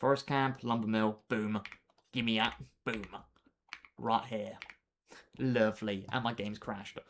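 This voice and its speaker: A man's voice: on the low side, steady tone, slow pace, fairly bright tone, slight background noise. A young man chatting casually with viewers while he plays a building game on a live stream, with lots of fillers and laughs. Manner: laid-back, chatty, laughs often, trails off with fillers. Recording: faint keyboard clicks behind.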